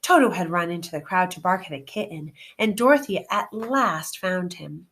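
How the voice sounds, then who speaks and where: A woman teacher reading a children's storybook aloud with expressive, clearly phrased narration. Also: on the low side, moderate pace.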